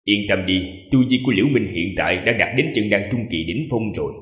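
Guy putting on a sly teasing master from a cultivation storybook, low and quick, echoey. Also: a bit bright, dull audio, natural voice. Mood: reassuring. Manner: teasing, knowing advice. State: sore throat. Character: teasing older male sect master, sly and fond. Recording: echoey, long reverb.

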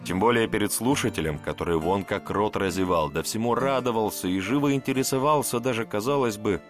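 A man narrating a story in an expressive storytelling manner. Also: fairly low pitch, brisk, faint music behind. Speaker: audiobook narrator. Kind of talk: scripted narration.

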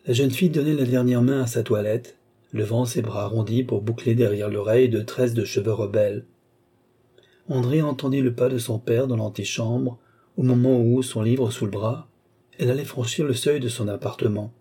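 A man narrating a classic novel as an audiobook in a measured, even storytelling manner. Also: mid-range voice, breathy edge. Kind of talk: scripted narration.

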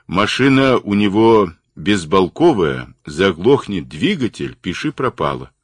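A man's voice: sits low, big pitch swings, a little slow, dry recording, studio quality, exaggerated voice. A man reading an audiobook, voicing a conciliatory male polar expedition driver.

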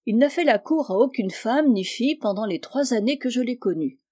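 A woman voicing a tart, flirtatious spinster in an audiobook reading, with a sharp, high-pitched voice and a quick, touchy manner. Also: lively intonation. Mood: gossipy. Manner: teasing, quick to take offense.

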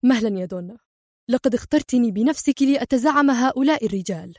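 A woman's voice: a little high, expressive, quick pace, no room sound, clean studio sound. Narrator as a fed-up mafia guy, curt, light voice, storybook. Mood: irritated. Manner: curt, exasperated. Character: irritated male mafia lieutenant.

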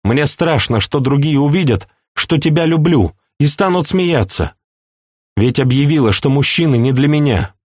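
A man's voice: a little high, animated, moderate pace, darkish tone, dry recording, clean studio sound, voice pushed up. Man playing a proud, passionate young princess. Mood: tender. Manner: raised, pleading delivery.

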